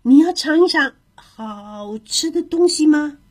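A woman's voice: sits high, expressive, unhurried, a little mellow, pitched above the performer's own voice. A woman voicing a cunning, boastful male hare in a children's storybook, teasing and playful. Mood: cheeky. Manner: playful, teasing, then mock-pleading.

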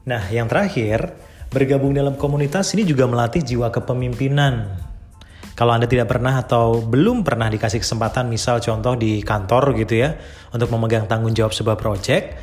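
A man hosts a podcast in an upbeat, conversational way, speaking straight to his listeners. His voice sits at an ordinary middle pitch, and soft music plays faintly underneath. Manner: chatty, upbeat, addresses listeners directly. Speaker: podcast host. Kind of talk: casual podcast talk.

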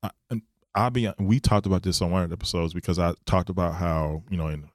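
A man with a deep voice hosts a casual talk in a dry, close sound. He speaks reflectively and repeats his phrases to drive them home. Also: fairly even intonation, quick pace, dry recording. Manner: repeats points for emphasis, agreeing readily. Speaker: podcast host.

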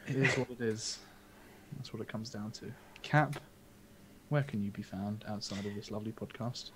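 A British man hosting a casual podcast, speaking in a measured way. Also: lowish voice, slight background noise, low-quality recording. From Britain. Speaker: podcast host.

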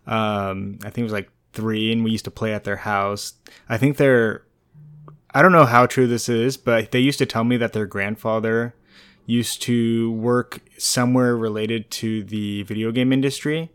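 A man's voice: fairly low pitch, steady tone, moderate pace, fairly bright tone, smooth. A man co-hosting a casual gaming podcast, laid-back and rambling, often laughing. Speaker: podcast co-host.

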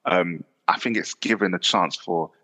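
A man's voice: sits low, moderate pace, bright, forceful tone, big-room sound. A man co-hosting a podcast, chatting about football in a rambling way full of fillers. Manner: rambling, filler-heavy, laughs often. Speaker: podcast co-host. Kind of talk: casual football chat.

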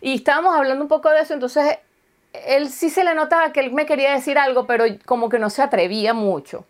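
A woman's voice: high voice, fast talker. A Venezuelan woman in casual chat, telling a story and acting out the dialogue. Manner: chatty storyteller, acts out dialogue.

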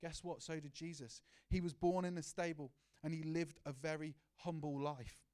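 A man with a fairly high, darkish voice preaches a sermon at a normal speed and a steady tone. He's earnest and personal, questioning the congregation and sharing his own story, with many restarts and rhetorical questions.

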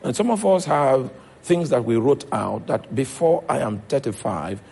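A man's voice: mid-range voice, animated, normal speed, creaky, a little mellow, husky. A man with a Nigerian accent preaching a sermon as pastor, checking in with his congregation as he goes.

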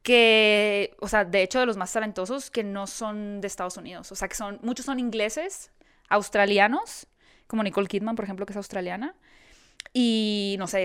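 A woman's voice: mid-range voice, fairly bright tone, clean tone. A Mexican woman who interviews actors, chatting casually and animatedly, often correcting herself mid-sentence. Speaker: entertainment interviewer. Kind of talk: casual podcast chat.

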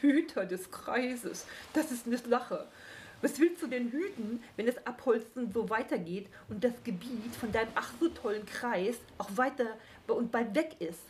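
A woman's voice: a little high, expressive, normal speed, hardly any pauses, lightly acted. A pushy little hedgehog lisps his way through nagging and blunt advice, as a woman puts him on. He is a cheeky storybook critter who never lets up. A faint hiss runs behind the reading. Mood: lecturing. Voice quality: lisping.

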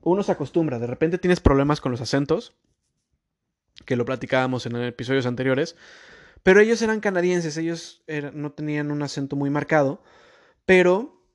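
A man, telling a personal story to his listeners in a casual, expressive way with frequent restarts. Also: fairly high pitch. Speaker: podcast host.

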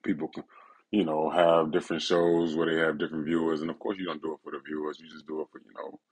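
Man, extremely low voice, husky, intimate podcast host, laid-back, right in your ear. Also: level tone, quick pace, poor audio. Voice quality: very deep, gravelly, husky. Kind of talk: casual, intimate late-night solo podcast talk.

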